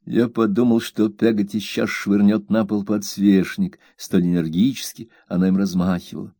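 A man narrating a novel in the first person, in an even, measured way. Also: fairly low pitch, no room sound, studio quality. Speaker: audiobook narrator.

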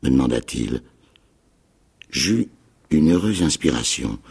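A male actor narrates an adventure novel in a dramatic radio reading. His voice is deep and gravelly with a husky grain. The telling moves with lively, expressive rises and falls. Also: normal speed.

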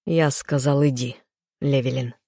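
A woman reading an audiobook, voicing a cold, sneering young nobleman husband with a low, growling, hushed delivery. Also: steady tone, measured pace, dry recording, clean studio sound. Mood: contemptuous.

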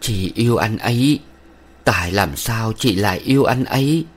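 A man with a fairly low, husky voice speaks in an animated way at a moderate pace. Reading a novel aloud, he voices a stern, moralizing village matron of middle age who lectures a young woman with sugary sternness.

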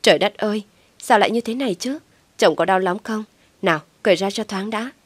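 A woman's voice: mid-range voice, fairly quick, no echo, lightly acted. A woman voicing a sly young wife who teases her husband and fakes concern in an audio story. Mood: mock-worried.

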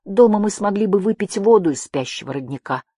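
A woman's voice: lively intonation, a little fast, mellow, husky, no echo, studio quality. A woman voicing a tiny, timid young female creature who speaks in a thin little voice. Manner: high, thin, frightened.

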